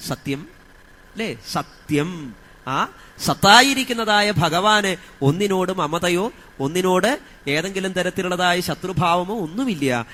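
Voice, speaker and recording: A man's voice: high-pitched, animated, sharp tone. Man giving a chanted scripture talk. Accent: Malayalam. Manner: chants verses slowly, asks rhetorical questions. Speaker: scripture teacher. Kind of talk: religious discourse.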